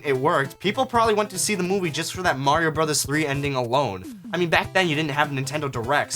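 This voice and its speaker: Sarcastic and full of swearing, a young man with a fairly high, somewhat bright voice hosts a video essay as a film student. The review commentary is casual but scripted.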